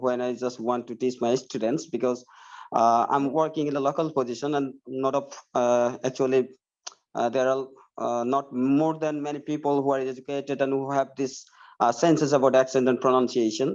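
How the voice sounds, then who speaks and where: A man in his thirties with a Bangladeshi accent, a high school teacher asking questions in an online class, talking with many fillers and restarts. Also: steady tone, extremely slow, a little mellow, muffled recording.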